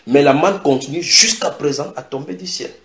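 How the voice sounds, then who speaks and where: A man preaching a sermon in an animated way, repeating key phrases for emphasis. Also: a little high, normal speed. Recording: echoey room.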